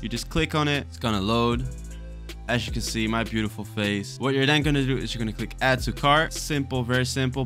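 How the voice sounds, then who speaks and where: A man's voice: medium pitch, a bit bright. A young man producing music, casually talking through a vocal preset tutorial in a chatty, laid-back way that drops the odd swear word. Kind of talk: casual screen-recorded tutorial.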